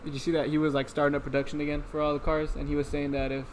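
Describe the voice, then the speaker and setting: A young man in casual podcast chat, excitable and quick to swear. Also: fairly high pitch, a little hiss or hum.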